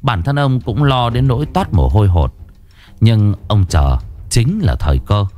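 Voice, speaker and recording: A man's voice: lowish voice, sing-song, unhurried, warm tone, soft background music. A man narrating a story in a vivid, dramatic way.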